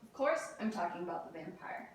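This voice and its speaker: A young adult woman with a fairly low voice, big pitch swings, and a slightly fast pace delivers a prepared persuasive speech as a student, reading out structured points and sometimes stumbling over words. A distant camera or room mic captures her in a very echoey room with faint noise.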